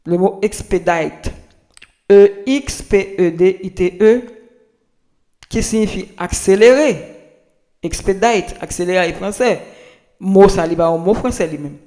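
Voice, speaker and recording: His voice sits high with a dark tone, and he carries a Haitian Creole accent. As a language tips presenter giving an informal pronunciation lesson, he is repetitive and halting, restarting many times.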